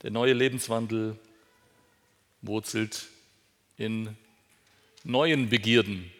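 A man's voice: on the low side, steady tone, takes it slowly, fairly bright tone. Preaching man in a reverberant hall. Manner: asks questions and answers them himself; emphatic, rises sharply on key words. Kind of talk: sermon.

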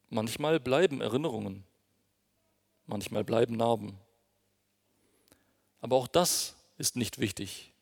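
Earnest and emphatic, a man preaches a sermon straight to his congregation in a creaky, mid-range voice. A hall's long reverb surrounds the recording.

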